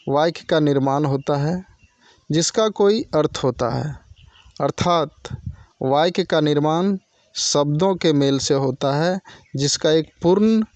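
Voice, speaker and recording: A man teaching basic grammar in a slow, explanatory lesson. He reads English definitions and then explains them. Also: fairly high pitch, a little mellow, no echo.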